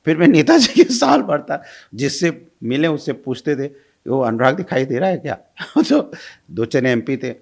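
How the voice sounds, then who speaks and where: A middle-aged man appears as an interview guest, casually telling stories with lots of animation, laughing as he recounts them and acting out the lines he quotes. His voice is on the high side and creaky, at a moderate pace.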